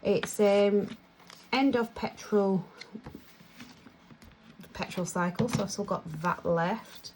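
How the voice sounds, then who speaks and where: A woman's voice: mid-range voice, takes it slowly, long pauses, a little mellow, a little hiss or hum. A young British woman chatting casually and rambling as she counts and sorts her cash. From United Kingdom. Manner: chatty, rambling, self-laughing. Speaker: vlogger.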